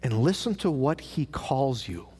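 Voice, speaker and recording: Pastor preaching in a reverberant church. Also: male voice, medium pitch, big pitch swings, a little slow, a little mellow, breathy edge. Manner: rhetorical questions, repeated phrases. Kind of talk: sermon. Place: large church sanctuary. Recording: live church broadcast with long hall reverb.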